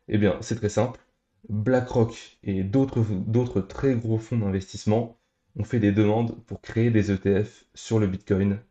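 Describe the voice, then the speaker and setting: A man's voice: lowish voice, mellow, echoey room, dull audio. A young man hosting a crypto news channel, talking straight to his viewers in an upbeat, scripted way. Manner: upbeat, direct address to viewers. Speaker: crypto YouTube host.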